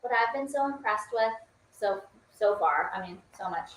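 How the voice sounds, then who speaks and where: A woman's voice: medium pitch, lively intonation, moderate pace. Enthusiastic woman in a roomy, slightly noisy space. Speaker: production team member on a stream. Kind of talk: casual chat. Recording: roomy, with light background noise.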